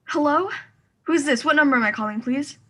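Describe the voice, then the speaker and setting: In a suspense radio play, a woman acts the part of an anxious, sickly wife who insists on being heard, her delivery fretful and theatrical. Her voice is high-pitched, a bit bright, and a little fast.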